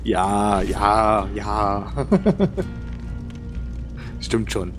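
A man's voice: fairly low pitch, flat delivery, drawn-out words, music in the background. A man casually chatting while gaming online with friends, mostly agreeing in short remarks. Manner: easygoing, brief agreeing remarks. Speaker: gamer playing online with friends. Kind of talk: casual let's-play chat.

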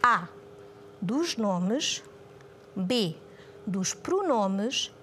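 A woman teacher with a European Portuguese accent, running a quiz game for young pupils, lively and encouraging, asking questions and answering them herself. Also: medium pitch, very slow, a little hiss or hum. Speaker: primary school teacher. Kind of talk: online language lesson with a quiz game. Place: home or studio, recorded alone.

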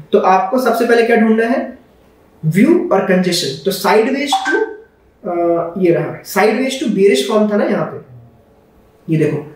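A man's voice: sits high, darkish tone. A man explaining his trading plan over charts in a conversational teaching manner, often asking rhetorical questions. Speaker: trading educator. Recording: very echoey room, mic at a distance.

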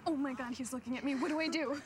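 A woman's voice: high-pitched, steady tone, fast, very noisy, lightly acted. A woman playing a flustered nerdy teen girl. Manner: flustered, rambling. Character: nerdy teenage girl, anxious around boys. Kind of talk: 1990s sitcom acting.

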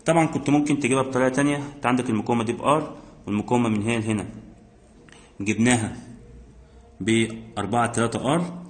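Speaking very fast in a mid-range voice with frequent pauses, an Egyptian-accented man solves physics exam problems one step at a time. He quizzes himself aloud and supplies the answers. The recording has a roomy echo.

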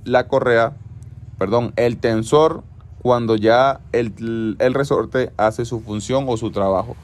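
A man's voice: mid-range voice, a little mellow. Methodical man explaining engine repair. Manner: methodical, repeats key steps; self-corrects mid-sentence. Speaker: car mechanic, channel host. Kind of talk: instructional how-to narration.

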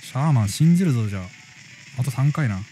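A man's voice: medium pitch, animated, moderate pace, warm tone, soft background music, low-quality recording. A man streaming a game from a room at home, chatting casually and reacting to viewer comments as he reads them aloud. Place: room at home near neighbors.

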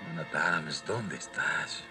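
A man's voice: very deep voice, slow pace, music in the background. A man voicing a kind, earnest young prince in a Latin American Spanish cartoon dub. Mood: concerned. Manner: sincere, concerned.

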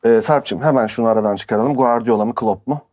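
A man hosting a podcast in a relaxed chat, asking questions with easygoing hesitations. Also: medium pitch, quick pace. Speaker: podcast host.

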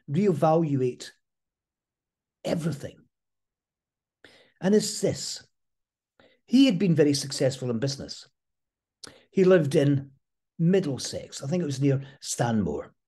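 A man slowly and thoughtfully telling an earnest personal story from his past. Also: fairly high pitch, dark tone, slightly rough.

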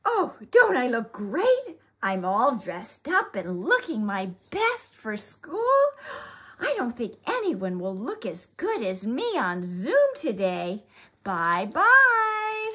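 A woman's voice: on the high side, wildly swooping pitch, bright, forceful tone, breathy edge, exaggerated voice. A woman playing a vain, preening girl who shows off her looks in a church children's puppet skit. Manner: smug, drawn-out, showing off.

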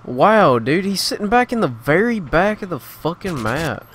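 A man's voice: sits high, sing-song, moderate pace, a little hiss or hum. A man giving profane, frustrated commentary over his own gameplay. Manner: swearing, frustrated, ranting at opponents. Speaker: gaming video creator. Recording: game gunfire loud behind voice. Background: loud gunfire and explosions from the game.

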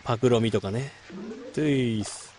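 A man with a mid-range voice streams a game late at night, chatting casually at a moderate pace and muttering reactions to the gameplay. There's noise in the background.

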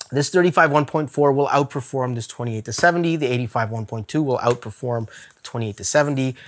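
A man talking casually to camera in a gear review vlog, candid and chatty, laughing now and then. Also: medium pitch. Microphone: camera-mounted shot on a zoom lens.

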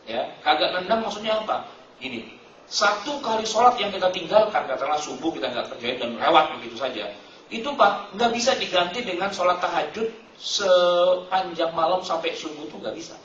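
A man preaches in a loose, joking way and keeps calling his listeners "Pak". His voice sits a little high. The sound is dull and comes from a distant mic in an echoey hall. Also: animated, a little fast, fairly bright tone, a little hiss or hum. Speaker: Islamic preacher. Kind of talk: informal sermon. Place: mosque hall.

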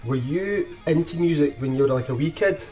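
A man's voice: fairly high pitch, fairly quick, mellow. Man, Scottish accent, middle-aged, host, chatty, home studio, distant mic, faint music. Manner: chatty, leading questions. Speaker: podcast host. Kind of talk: casual interview chat. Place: small home studio crammed with posters. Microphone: desk microphone, camera set back.

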